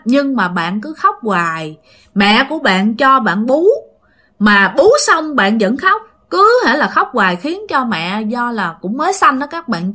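A woman's voice: on the high side, pushed and bright. A woman with a Southern Vietnamese accent telling ghost stories in a chatty way, talking straight to her listeners with many fillers. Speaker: ghost-story channel narrator. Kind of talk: casual storytelling narration.

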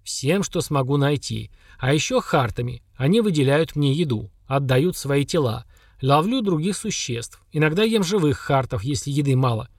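A man voicing an ancient, simple-minded lake monster, speaking in slow, blunt, flat statements. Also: fairly high pitch, dry recording, studio quality. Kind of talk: audiobook character voice.

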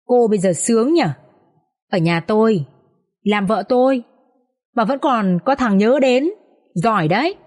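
A woman's voice: a little high, animated, a little slow, pauses often, darkish tone. Woman reading as a slurring drunk husband. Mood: sneering drunk. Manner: slurred, sneering. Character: drunk, jealous, abusive young husband.

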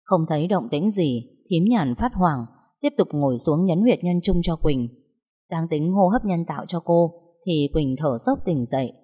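A woman telling a dramatic story in a steady scripted narration. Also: low voice, normal speed, slightly rough. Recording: long hall reverb.

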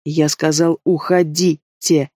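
A man's voice: a little high, level tone, takes it slowly, dark tone, no echo, studio quality. A man voicing a cold, commanding male dragon ruler in an audiobook, speaking in an icy tone. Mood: stern.

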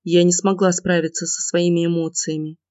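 A man's voice: sits high, little pitch movement, moderate pace, a little mellow, smooth, no echo, close to an everyday voice. Man voicing tearful young woman student. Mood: upset. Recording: dull lo-fi dry recording.

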